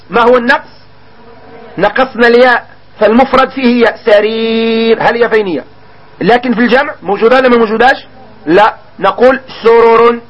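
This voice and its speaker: A man with a Moroccan Arabic accent teaches a grammar class in a very high voice. He keeps asking the students questions and drags out example words slowly. The recording is dull and lo-fi. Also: slightly rough.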